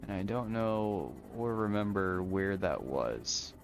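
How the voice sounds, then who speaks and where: A man's voice: low-pitched, very animated, takes it slowly, creaky, slight background noise. A man giving casual, chatty gameplay commentary, explaining things in colloquial language as he plays. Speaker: gamer hosting a modded survival game stream.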